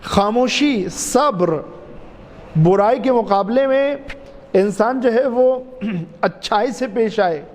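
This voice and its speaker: A man, a cleric giving a majlis sermon, repeating key phrases in a drawn-out, emphatic way and calling his listeners dear ones. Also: very high voice, a little mellow. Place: mosque. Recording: reverberant mosque hall, faint ambience.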